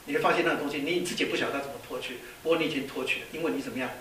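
A man preaching a sermon in a lively storytelling way, with many rhetorical questions and some English words mixed in. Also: mid-range voice, rapid-fire. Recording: echoey hall, distant mic, faint hiss.

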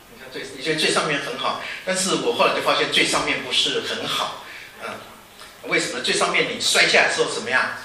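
Guy in his 50s giving a church talk, quick and jokey, very bright voice, far off in an echoey hall. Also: on the high side. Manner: joking, rhetorical questions. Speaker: speaker addressing new overseas students.

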